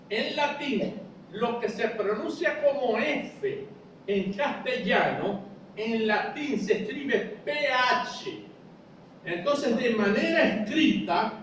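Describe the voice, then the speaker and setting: High-pitched male preacher teaching, lots of rhetorical questions, faint rumble behind, far from mic. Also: heavy reverb. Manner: explanatory preaching, rhetorical questions, addresses listeners as brother. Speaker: pastor. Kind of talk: sermon. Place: church.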